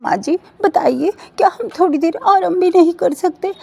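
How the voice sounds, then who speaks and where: Young wife in a cartoon, high, pleading, voiced by a woman. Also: normal speed, creaky, mellow. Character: meek young daughters-in-law, pleading.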